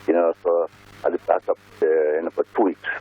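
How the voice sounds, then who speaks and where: A man's voice: deep voice, level tone, fairly quick. A man speaking casually as a guest caller over a landline phone. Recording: muffled, choppy landline phone call.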